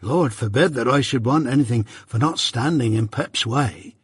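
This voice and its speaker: A man's voice: mid-range voice, moderate pace, breathy edge, no room sound, studio quality. A man doing a blunt, homely blacksmith.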